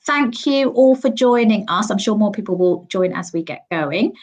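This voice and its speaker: A woman's voice: mid-range voice, lively intonation, normal speed, darkish tone. A woman in her forties hosting a live online panel, chatty and upbeat, with frequent ums, recorded on a computer mic at home. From Sri Lanka, raised in England. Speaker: host.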